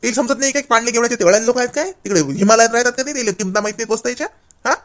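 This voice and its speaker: A man's voice: very high voice, a bit bright. A man playing an exasperated adult son who scolds and lectures his mother in a comic sketch. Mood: scolding. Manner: scolding, lecturing, fast and impatient.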